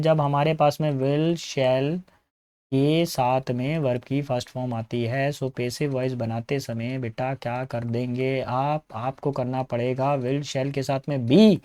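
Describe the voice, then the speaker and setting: Brief: male exam-prep teacher, mid-pitched, lively and coaxing with students. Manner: lively, coaxing, calls students beta and bhaiya. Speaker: English teacher.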